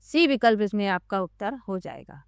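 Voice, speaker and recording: A woman's voice: mid-range voice, sing-song, normal speed, vocal fry, clear, resonant tone, dry recording, clean studio sound. A woman teacher going through exam questions one by one, reading out the options and then explaining the right answer.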